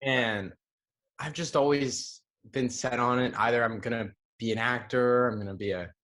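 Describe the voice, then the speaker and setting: A young man from Hawaii talking as an actor guest, relaxed and chatty with casual slang. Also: medium pitch, moderate pace. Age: young adult. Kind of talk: casual interview answers.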